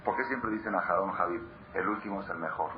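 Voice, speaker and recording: A man's voice: low voice, fast. A man teaching a Torah class, emphatic, repeating words for stress and putting questions to his listeners. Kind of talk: Torah class to a live audience. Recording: dull lo-fi recording with clear background noise.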